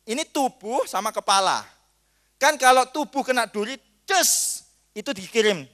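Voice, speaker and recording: A pastor preaching at a marriage seminar, joking and acting out little scenes between husband and wife. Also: male voice, very high voice, normal speed. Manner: jokey and animated, acts out little scenes. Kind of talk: lively seminar sermon.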